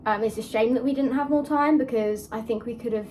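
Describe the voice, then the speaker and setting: A woman's voice: fairly high pitch, a little fast, dark tone, distant mic, slight background noise, poor audio. A young woman co-hosting a vlog, chatting casually and reflectively about finishing a student shoot, with plenty of fillers. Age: young adult. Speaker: student filmmaker and vlog co-host. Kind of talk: casual chat.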